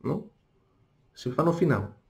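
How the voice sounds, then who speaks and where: A man speaking with a Spanish accent, a native Spanish speaker who gives a casual spoken lesson, talking slowly and tagging his points with little questions. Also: a little high, sing-song, creaky. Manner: talks deliberately slowly, tags questions with "não?". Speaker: language teacher.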